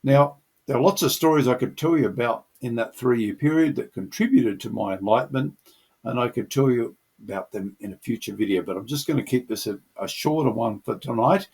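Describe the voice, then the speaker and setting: A man's voice: mid-range voice, fairly quick, gravelly, a little mellow, breathy edge. A middle-aged man earnestly telling the personal story of how he came to faith, in a reflective storytelling manner. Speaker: channel host sharing his testimony.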